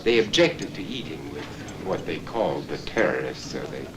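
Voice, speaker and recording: Deep-voiced formal doctor. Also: male voice, big pitch swings, normal speed, a crowd in the background. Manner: formal, precise, explaining. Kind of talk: film acting. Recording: film soundtrack with background noise.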